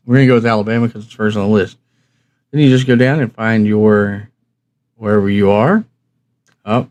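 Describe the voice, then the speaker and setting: Here the man's voice sits on the low side and has a darkish tone. Hosting a hobby stream, he walks through things in a homey, chatty manner, asking himself questions and supplying the answers, like a laid-back instructional broadcast.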